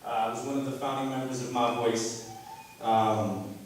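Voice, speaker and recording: A man in his thirties from Brooklyn, giving an emotional, halting reunion speech to an audience, with many fillers. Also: medium pitch, steady tone. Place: indoor event hall. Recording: echoey hall from far off, faint noise.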